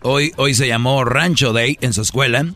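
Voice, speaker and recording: A man's voice: mid-range voice, steady tone, moderate pace, fairly bright tone, dry recording, soft background music. A man in casual comedic radio banter, teasing co-hosts and telling a joking story. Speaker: radio show host.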